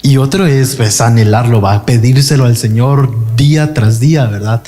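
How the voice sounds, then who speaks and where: A man calmly giving spiritual advice on a church program, often pausing to ask for agreement. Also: mid-range voice, faint music behind. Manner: reflective, calm, asks for agreement with "¿verdad?".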